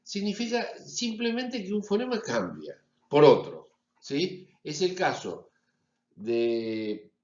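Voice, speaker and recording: A man's voice: fairly high pitch, wildly swooping pitch, slow, darkish tone. A man with a Rioplatense accent giving a phonetics lecture, explaining step by step and often checking in with the class. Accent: Rioplatense Spanish. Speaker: university lecturer. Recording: echoey, slightly dull recording.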